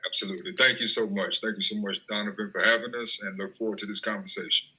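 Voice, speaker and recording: Bright, husky-voiced man. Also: fairly low pitch, steady tone, rough recording. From Tennessee, US. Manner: polite, measured, explanatory. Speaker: interview guest, nonprofit co-founder. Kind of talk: casual interview chat.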